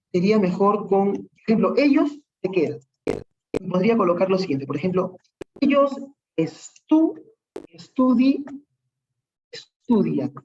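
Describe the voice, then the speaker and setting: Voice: mid-range voice, a little mellow, highs cut off. A teacher with a Peruvian accent giving a class, patiently running through many examples and checking in with frequent tag questions. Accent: Peruvian Spanish. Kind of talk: online class lesson.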